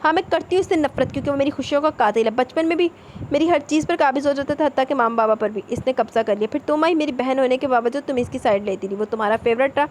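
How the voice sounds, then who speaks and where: A woman's voice: high-pitched, a little hiss or hum, natural voice. Woman doing a young heroine, defiant and hurt, pleads then lashes out. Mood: bitter. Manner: pleading then furious outbursts.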